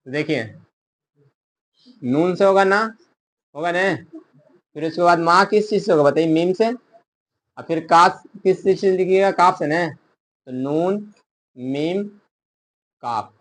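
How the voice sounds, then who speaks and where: A man with a fairly high, bright, forceful voice teaches a beginner lesson. He spells each word slowly, sound by sound, asking the listener which letter comes next and then giving the answer himself. His tone stays patient and instructive. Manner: quizzes the viewer, then answers his own questions. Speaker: Urdu teacher. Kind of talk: online language lesson.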